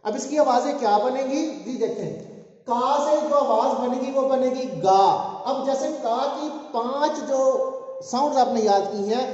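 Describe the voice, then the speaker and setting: A man's voice: very high voice, measured pace, darkish tone. A man teaching a language lesson, writing out sounds and coaxing learners to repeat after him. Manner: coaxing, calls for repeating aloud. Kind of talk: spoken language lesson with drills. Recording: dull echoey room, long reverb.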